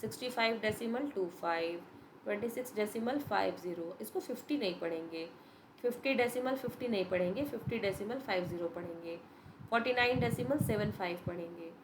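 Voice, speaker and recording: Woman teacher, patient, step-by-step, mid-pitched, audible background noise. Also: brisk. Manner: patient, explains step by step, addresses students as beta. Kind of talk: revision lesson for children, Hindi-English mix.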